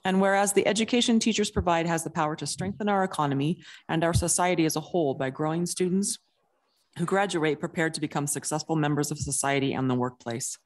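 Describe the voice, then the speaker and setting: A woman with a low voice reads a formal proclamation aloud in a council chamber. She is steady and even, taking each clause in turn. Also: quick pace. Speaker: council member.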